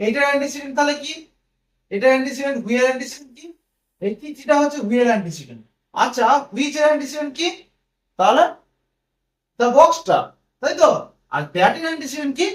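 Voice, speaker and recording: A man's voice: extremely high pitch, expressive, quick pace, pauses often, reverberant. A man with a Bengali accent teaching an English grammar lesson at a whiteboard; he asks questions and answers them himself, and repeats key words.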